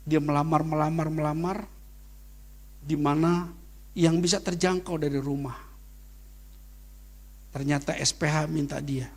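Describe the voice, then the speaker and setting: Animated middle-aged pastor with a gravelly voice. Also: male voice, fairly high pitch, measured pace, long pauses. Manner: animated preaching with sudden loud peaks; casual Jakarta slang in anecdotes. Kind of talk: sermon.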